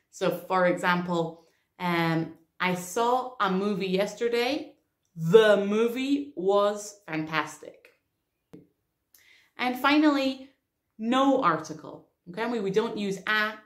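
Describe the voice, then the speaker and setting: Slow-spoken woman teaching grammar. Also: lowish voice. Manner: clear, explanatory, with dry humor. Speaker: English teacher. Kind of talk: online grammar lesson. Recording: echoey room.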